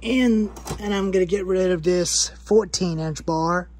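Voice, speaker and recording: A woman in her twenties, who vlogs about chainsaws, meanders through a show-and-tell of saw parts in her cluttered garage, listing them and saying things twice. Her darkish, low voice keeps a measured pace, and there's a little hiss or hum in the audio.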